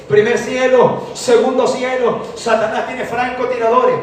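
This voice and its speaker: A man's voice: very high-pitched, level tone, measured pace, recorded from a distance. A man preaching a sermon, emphatic and telling a personal testimony. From Ecuador. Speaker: evangelist preacher. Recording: very echoey hall, voice from afar, faint noise.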